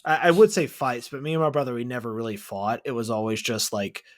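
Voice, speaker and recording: A man's voice: medium pitch, a little fast. A man co-hosting a movie podcast in casual chat, rambling and playful with many fillers. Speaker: podcast co-host.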